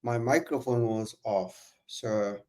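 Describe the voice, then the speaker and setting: A man's voice: medium pitch, slow. A man playing along with a quiz show, talking offhandedly to his viewers about his answers. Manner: relaxed, offhand, talks to his audience. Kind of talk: casual gameplay commentary.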